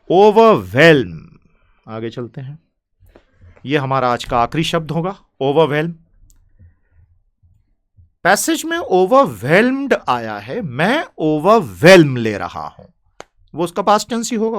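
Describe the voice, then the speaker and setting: Lively Indian man teaching vocabulary. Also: a little high. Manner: chatty and playful, stretching out key words slowly. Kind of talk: spoken vocabulary lesson.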